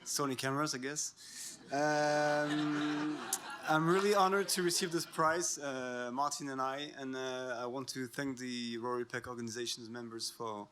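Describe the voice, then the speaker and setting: Male cameraman, mid pitch, short off-the-cuff thanks, light background noise. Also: fairly even intonation, a little slow, fairly bright tone. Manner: brief, with fillers. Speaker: cameraman, award winner. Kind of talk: unscripted acceptance speech.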